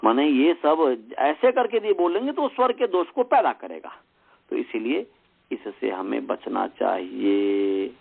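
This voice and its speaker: Man, Sanskrit teacher, patient lesson, very slow speech, repeats terms, narrow phone-like sound. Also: medium pitch, lively intonation, gravelly, breathy edge. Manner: slow, explanatory, repeats and acts out faults. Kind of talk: recorded lesson on pronunciation. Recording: tinny phone-like recording.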